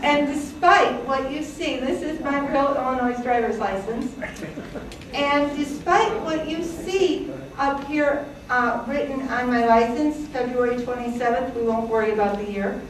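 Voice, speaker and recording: Recorded from afar in an echoey hall over crowd noise, the sixty-something presenter from Greece tells an audience the story of her family's immigration. Her voice is high-pitched and unhurried, and she chats along with fillers and small laughs.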